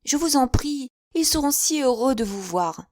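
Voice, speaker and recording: A woman's voice: high-pitched, expressive, normal speed, darkish tone, no room sound, clean studio sound, voice pushed up. A woman voicing a chattering, effusive older spinster who gushes in breathless run-on talk. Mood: gushing.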